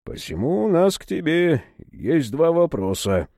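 Man doing a cold, bassy henchman. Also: a little slow, gravelly, dry recording, studio quality, full character voice. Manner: bass, calm, indifferent interrogation.

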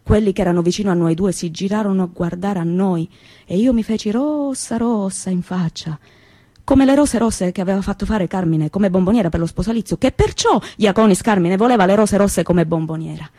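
An actress with a Calabrian accent playing a young woman from Reggio, telling her memories in a lively, colloquial theatrical monologue. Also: medium pitch, a little fast, dry recording, clean studio sound, natural voice. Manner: lively storytelling, repetitive and colloquial.

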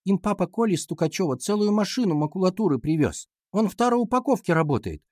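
Man doing a high, eager schoolgirl monitor. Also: sing-song, fast talker, a little mellow, no echo, clean studio sound. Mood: eager, explaining. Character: earnest fifth-grade girl class monitor.

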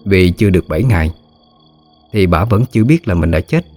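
A man narrating a ghost story in a steady, scripted storytelling manner. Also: sits low, a little fast.

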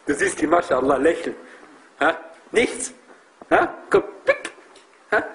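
A man's voice: a little high, huge pitch swings, takes it slowly, vocal fry, a bit bright, slight background noise, low-quality recording. A man preaching passionately to a group of brothers, emphatic and full of rhetorical questions. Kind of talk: impassioned religious talk.

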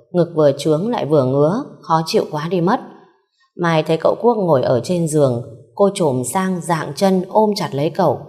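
A woman narrating a story in an even reading voice, giving the characters' lines a little more force. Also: low-pitched.

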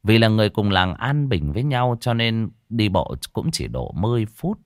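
A male storyteller telling a ghost story in a folksy, colloquial way. His voice is low but swings widely in pitch. The sound is dry and close to the mic. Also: very animated, moderate pace, dry recording.

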